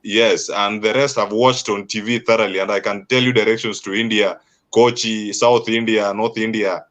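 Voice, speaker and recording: A man with a Kenyan accent hosting an interview, asking long, winding questions with slow, emphatic phrasing. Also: lowish voice, fairly even intonation, fairly bright tone. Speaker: host. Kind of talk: interview host.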